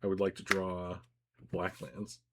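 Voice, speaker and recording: Low-voiced joking man playing a card game. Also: level tone, noisy background. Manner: joking, swears often, quick teasing asides. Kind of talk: casual banter while playing.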